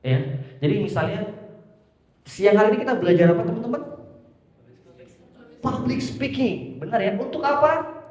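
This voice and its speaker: A man's voice: sits high, expressive, brisk, pauses often, a little mellow. A young man teaching public speaking to a live group, playful and teasing. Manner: playful, teasing, addresses the audience as friends. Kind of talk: lively classroom lesson. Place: classroom or hall before a live group. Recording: dull echoey hall sound.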